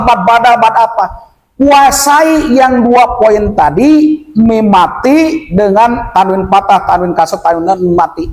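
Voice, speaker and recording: A man from West Kalimantan teaching Quran recitation rules to village men, explaining patiently and chanting verses slowly to demonstrate. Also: extremely high pitch. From West Kalimantan, Indonesia. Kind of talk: tajwid lesson for village men. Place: village prayer gathering room. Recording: echoey room.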